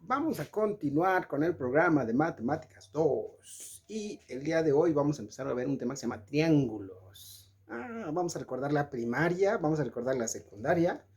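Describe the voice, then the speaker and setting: Chatty teacher, fairly high voice. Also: male voice, lively intonation, moderate pace. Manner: chatty, jokey, asks "¿sí?" and "¿ok?" to check in. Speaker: physics and math teacher. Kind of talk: informal online math lesson.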